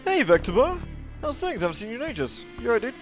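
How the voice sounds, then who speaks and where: With a very high-pitched voice that swings dramatically, a British man talks quickly as he hosts his livestream. Friendly and casual, he says hello to viewers and responds to them over moody background music.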